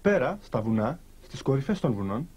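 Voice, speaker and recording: Male storyteller, husky tone, lively up-and-down delivery in short phrases. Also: mid-range voice. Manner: lively, animated, pausing between short phrases. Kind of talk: storytelling to listeners.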